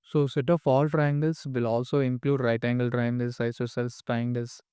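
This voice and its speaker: Male maths teacher, dictating step by step, clear smooth voice, short pauses, methodical repetition, close dry recording. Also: medium pitch, little pitch movement, warm tone, dry recording. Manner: repeats questions and rules in a methodical way. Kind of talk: step-by-step worked-solution lesson.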